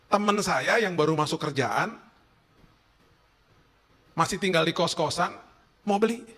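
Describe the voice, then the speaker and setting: A man, a pastor preaching in a lively, joking storytelling way full of casual slang. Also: on the high side. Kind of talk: humorous storytelling sermon.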